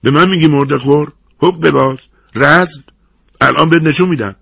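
A man voicing an indignant male restaurant diner who shouts at whoever insults him. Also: fairly high pitch, gravelly, husky, dry recording, studio quality, voice pushed up, heavily acted. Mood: furious.

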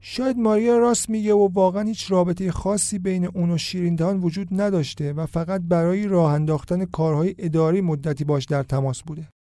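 Mellow-voiced man narrating a story. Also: high-pitched, no echo, clean studio sound. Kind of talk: audiobook narration.

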